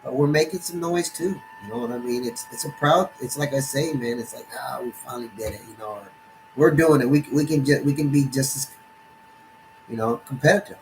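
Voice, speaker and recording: Speaking a little fast in a mid-range voice, a middle-aged man from Texas runs a casual monologue on his sports stream, loose and rambling with plenty of fillers and restarts. It's a rough recording from a desktop computer setup, with slight hiss or hum.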